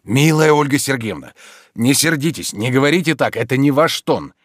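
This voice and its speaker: A man's voice: medium pitch, moderate pace, dry recording, clean studio sound, close to an everyday voice. A man reading aloud, voicing a shaken man who urgently presses a woman to explain her past love. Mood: gentle. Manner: insistent, urgent, lively.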